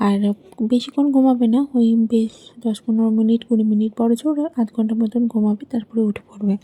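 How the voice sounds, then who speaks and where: A woman's voice: fairly high pitch, flat delivery, warm tone, slightly rough, no echo. A young woman, a mother of two little girls, chatting casually at home as she vlogs her day, rambling with lots of fillers. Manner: chatty, rambling, fills pauses with "I mean". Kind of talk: casual home vlog narration. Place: at home, bedroom and kitchen.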